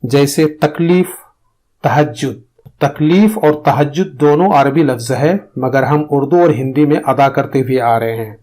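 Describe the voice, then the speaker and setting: A man in a steady, mid-pitched voice gives a Quran pronunciation lesson. He moves at a measured pace, stopping to sound out single letters and say them again so learners can copy him. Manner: patient, repeats letter sounds slowly for learners. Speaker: Tajweed teacher.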